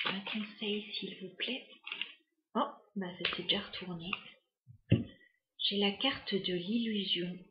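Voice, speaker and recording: A woman giving a casual tarot reading to her viewers, musing and hesitant with many pauses and fillers. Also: medium pitch, echoey room, lo-fi sound, a little hiss or hum. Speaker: tarot card reader.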